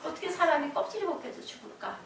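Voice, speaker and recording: High-voiced woman pastor preaching. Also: fast, far from the mic, a little hiss or hum. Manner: lively, quizzing the congregation with call-and-response questions. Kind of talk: sermon. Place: church sanctuary. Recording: echoey church hall from afar.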